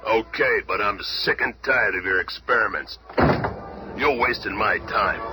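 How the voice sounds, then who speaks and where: An actor playing a gruff, tough-talking male hero with a blunt, impatient streetwise manner in a 1970s radio drama. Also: on the low side, a little slow, natural voice, rough recording. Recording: old radio recording with music.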